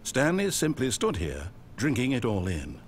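A wry, condescending game narrator. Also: male voice, medium pitch, wildly swooping pitch, normal speed, slight background noise. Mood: mock-grand. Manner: dry, ironic and mock-grand.

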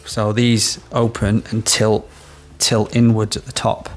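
Soft background music accompanies a man whose voice is on the low side with little pitch movement, speaking slowly. An electrician in his thirties, he demonstrates a product on site in a small room of a house, explaining each step practically.

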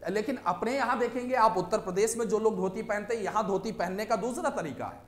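A man's voice: high-pitched, quick pace, roomy sound. A man teaching an exam-prep lecture, explaining step by step and often checking in with his students.

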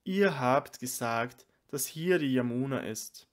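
A divine male monk speaks with loving, wondering tenderness, read aloud by a man. The pace is slow and gentle, as in an audiobook of a sacred play. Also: mid-range voice, animated. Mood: wondering, tender.

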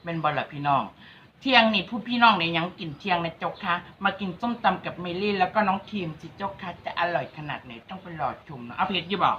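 A woman with an Isan accent hosts a cooking vlog, chatting casually and teasing as she speaks straight to her viewers. Her voice is on the low side, expressive and quick, with slight background noise on a dull, lo-fi recording.

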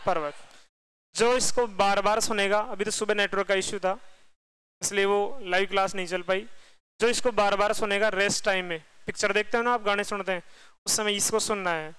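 A man's voice: sits high, pushed and bright, clear, resonant tone, rough recording. A man teaching an exam-prep lecture, asking questions and answering them himself. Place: online class.

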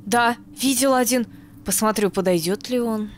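A woman's voice: fairly high pitch, normal speed, slight background noise. A woman playing a game with a friend, offering short, supportive suggestions in a casual tone. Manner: brief supportive comments and suggestions. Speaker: let's play co-player. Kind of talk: casual co-op gameplay chat.

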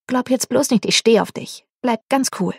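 A woman's voice: fairly high pitch, moderate pace, creaky, a little mellow, slightly rough, dry recording, studio quality. A woman audiobook narrator voicing a tipsy young woman who hesitantly admits her feelings. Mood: shy confession.

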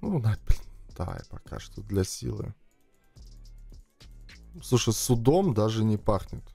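A young gaming streamer with a fairly low, dark, creaky, slightly rough voice talks animatedly at a measured pace. He plays a mobile game on a headset in a small room, webcam-framed, casually chatting and thinking aloud to viewers, recorded dry and close with faint music behind.

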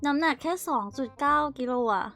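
Giggly, chatty young woman with a high voice. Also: fairly bright tone, soft background music. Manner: giggly, chatty, frequent laughter and quick asides. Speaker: streamer. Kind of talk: casual storytelling while showing childhood photos.

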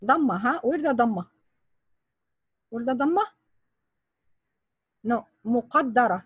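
A woman's voice: fairly high pitch, expressive, slow, breathy edge, dry recording, dull audio. A woman teaching grammar in English, quizzing her students with repeated questions. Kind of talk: online grammar lesson.

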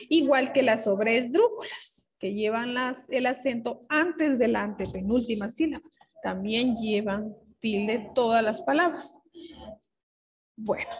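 A young woman teaches a grammar lesson, explaining each step patiently. She keeps checking that her pupils follow. Her voice sits a little on the high side. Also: low-quality recording.

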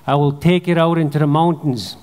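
A man's voice: a little high, fairly even intonation, a little fast, darkish tone, lightly acted. A man voicing a mighty bear. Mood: earnest. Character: mighty male bear, bold and helpful. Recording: long hall reverb.

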